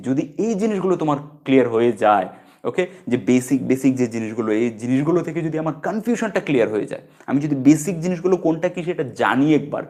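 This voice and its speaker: Guy teaching english in a bengali accent, kinda high voice, chill and patient, keeps saying okay. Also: a little mellow. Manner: explains patiently, repeats words slowly, frequent "okay". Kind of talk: informal spoken lesson.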